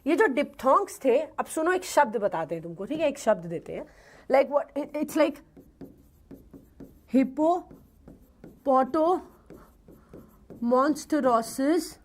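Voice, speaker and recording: A young woman giving an English lesson, quizzing her students with quick rhetorical questions. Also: high voice, very animated. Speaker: English teacher for bank exams. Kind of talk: classroom lecture.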